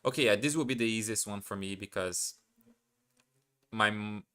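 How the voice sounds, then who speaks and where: A language learner streaming live, whose first language is Portuguese, reasons out loud as he studies, pausing uncertainly and correcting himself. He speaks at a moderate pace in a lowish voice that sounds pushed and bright, with a clean tone.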